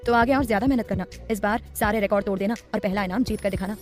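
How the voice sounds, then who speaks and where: A woman voicing an intense, protective adult man in an audiobook, calm, tender and firm. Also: mid-range voice, rapid-fire, faint music behind, natural voice. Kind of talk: audiobook character voice.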